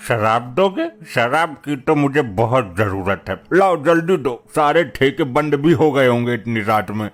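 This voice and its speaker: A silly, childish cartoon drunk begging for liquor, as a man voices him. Mid-pitched, loose and slurring. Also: animated, unhurried, natural voice. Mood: tipsy.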